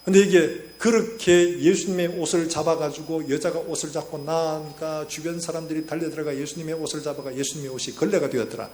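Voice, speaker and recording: A man, a pastor preaching a sermon in a church. He tells stories and acts out the quotes, getting louder and softer as he goes. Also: on the high side, fairly even intonation, brisk, few pauses. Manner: storytelling with acted-out quotes, rising and falling loudness. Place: church sanctuary. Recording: echoey church hall with faint hum.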